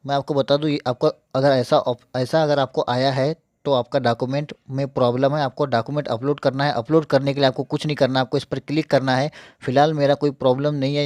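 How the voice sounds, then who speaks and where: In a mid-range, slightly mellow voice, a young man presents a casual screen-share tutorial on his YouTube tech channel. He goes over points repeatedly, reassures viewers and checks in often, a little hampered by a mouth ulcer. No room sound is audible.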